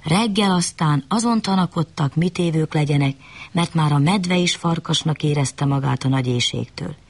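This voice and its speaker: A woman reading a children's bedtime story aloud, gentle and lively. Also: low voice, slightly rough.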